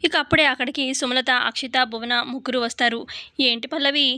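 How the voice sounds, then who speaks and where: A woman retelling a TV serial episode in brisk storytelling, acting out the quotes. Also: high-pitched, steady tone, sharp tone, dry recording, clean studio sound. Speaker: serial recap narrator.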